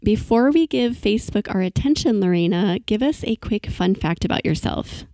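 A woman's voice: medium pitch, expressive, moderate pace, warm tone, dry recording. A woman hosting a podcast interview, talking in an upbeat, enthusiastic way. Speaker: podcast host.

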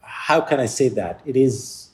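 Halting, soft-spoken male interview guest. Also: mid-range voice, expressive, a little hiss or hum. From Palestine. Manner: halting, searching for words, frequent restarts. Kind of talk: reflective interview talk.

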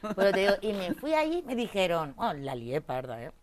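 A woman, an interview guest telling a rowdy story in casual chat, jumping between loud outbursts and low asides. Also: sing-song, a little fast, crowd noise. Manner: coarse slangy banter. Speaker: interview guest, tattoo artist.

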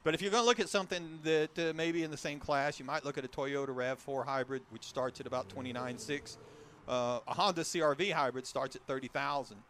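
A man's voice: mid-range voice, brisk, fairly bright tone, slight background noise. A man hosting a casual car talk show, chatting in a rambling way with restarts about a vehicle he drove.

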